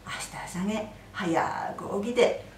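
A woman with an Aizu Fukushima dialect voicing a gruff male mountain goblin spirit in a told folk tale, speaking roughly but kindly in a roomy hall heard from a distance. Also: mid-range voice, takes it slowly, slight background noise, natural voice. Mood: gruff, reassuring.

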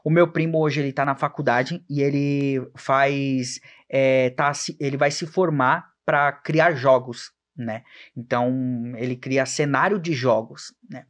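A man's voice: medium pitch, steady tone, a little slow. A young man, a podcast guest chatting casually and acting out quoted dialogue as he tells stories. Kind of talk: casual chat.

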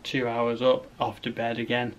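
Holding the camera at arm's length, a thirties-aged man chats his way through a house indoors, rambling casually and matter-of-factly. His delivery is completely flat at a moderate pace, in a mid-range voice with the highs cut off, and clear background noise sits behind him.

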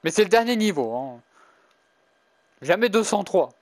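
A man's voice: high voice, very animated, moderate pace, no room sound. A young man musing through gameplay commentary as a gaming YouTuber, hesitant and chuckling to himself. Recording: music playing behind.

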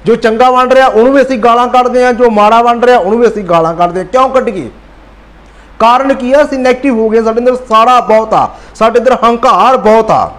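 A man with a very high-pitched voice gives a motivational talk. He speaks earnestly, calls his listeners friends, and repeats phrases to drive his points home.

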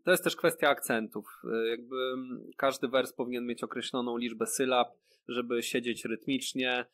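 A man's voice: mid-range voice, fairly even intonation, normal speed, a bit bright. A man, a rapper guest on a podcast, explaining things at length in casual talk with many fillers and tag questions. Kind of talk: casual interview chat.

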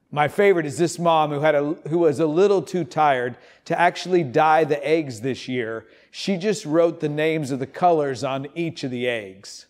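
Brief: man, fifties, preacher, somewhat high voice, animated storytelling sermon, church setting. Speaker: pastor. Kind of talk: sermon with scripture reading. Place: empty church sanctuary, indoors.

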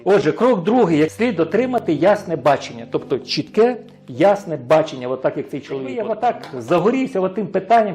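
Ukrainian pastor, high voice, sermon with rhetorical questions, faint music under him. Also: male voice, darkish tone. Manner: asks the congregation questions and answers them himself; hesitant, restarts words.

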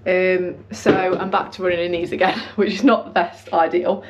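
In a house hallway, a young British woman who vlogs about running chats casually to her camera, held at arm's length or propped nearby, in a colloquial and self-deprecating way. Her low voice stays steady at normal speed. The background is noisy and the highs are cut off.

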